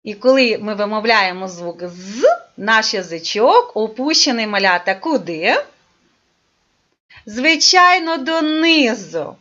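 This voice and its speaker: A woman teaching a speech therapy lesson to young children, talking in a drawn-out, sing-song way. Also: mid-range voice, expressive, fairly bright tone. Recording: dull lo-fi recording.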